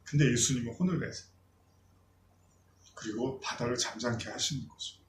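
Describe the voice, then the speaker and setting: A man's voice: medium pitch, normal speed, reverberant, a little hiss or hum. A man preaching a sermon as a pastor, talking to his congregation in a conversational way and acting out the voices of people he quotes.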